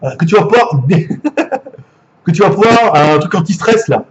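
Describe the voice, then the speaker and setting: A man's voice: high-pitched, animated, moderate pace, lo-fi sound, slight background noise. A man with a French accent, chatty and jokey, unboxing gadgets live and swearing casually. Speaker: gadget reviewer.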